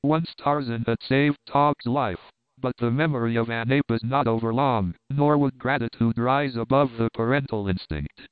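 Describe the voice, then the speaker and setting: Man, storybook narration, measured and steady, crisp resonant voice, dry tinny phone-like sound. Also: medium pitch, dry recording. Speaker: audiobook narrator.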